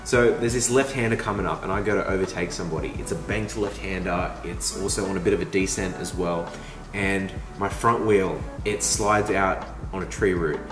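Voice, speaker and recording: A man's voice: low-pitched, moderate pace. A man with a nasal voice, feeling under the weather, telling a chatty, self-deprecating story as a voice-over. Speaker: vlogger narrating his race. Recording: roomy sound with music underneath.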